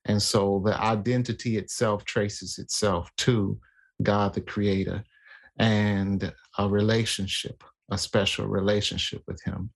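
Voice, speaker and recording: A man in casual conversation about faith, talking in a halting way with many fillers and restarts. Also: lowish voice, level tone, vocal fry.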